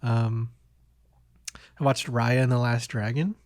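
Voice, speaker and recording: This man sounds like a podcast host chatting casually, his mid-pitched voice steady and slow as he feels his way through ideas with a rambling, hesitant delivery. The recording is completely dry, with no echo or room sound.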